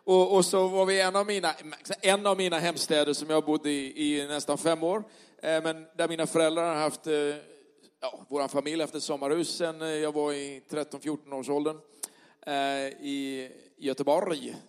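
A man's voice: a little high, level tone, clean tone. A man from Sweden preaching at a church service, chatty and playful with the congregation. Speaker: pastor. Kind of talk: sermon.

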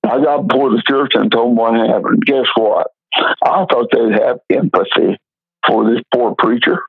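An older man spins folksy, rambling anecdotes in a husky voice, stopping often on fillers. He comes through a thin phone line with a dry, close sound. His pitch sits in the middle. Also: normal speed, no echo. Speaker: retired pastor and memoir author. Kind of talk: storytelling in an interview.

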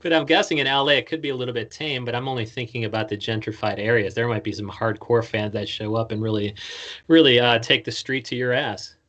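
A man's voice: mid-range voice, steady tone, quick pace, fairly bright tone, muffled recording. A man hosting a casual interview podcast, talking in slangy, swear-filled, run-on questions. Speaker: podcast host.

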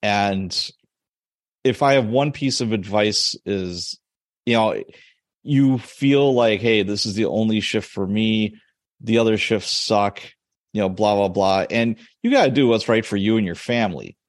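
A man's voice: on the low side, unhurried, no room sound, studio quality. A man in his forties hosting a podcast, chatting casually and laughing often as he tells stories. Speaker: podcast host. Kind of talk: casual interview chat.

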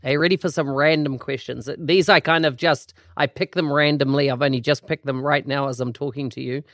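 A man's voice: mid-range voice, fairly even intonation, brisk, fairly bright tone, dry recording, studio quality. Encouraging male interviewer. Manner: encouraging, frequent affirmations. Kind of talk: interview questions.

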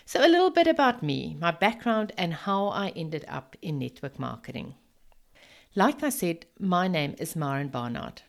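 Podcast host: woman, about 50, Afrikaans South African accent, slightly low voice, earnest scripted monologue. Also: big pitch swings, moderate pace, vocal fry. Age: around 50.

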